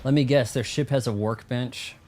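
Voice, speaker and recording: A man giving casual, slangy commentary as he plays a game, rambling and thinking out loud. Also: mid-range voice, fairly even intonation, normal speed. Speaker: video game streamer. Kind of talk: casual first-playthrough commentary.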